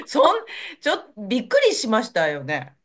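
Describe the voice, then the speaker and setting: A woman hosting a casual chat, listening eagerly with frequent laughs and quick replies. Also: a little high, wildly swooping pitch, fairly bright tone.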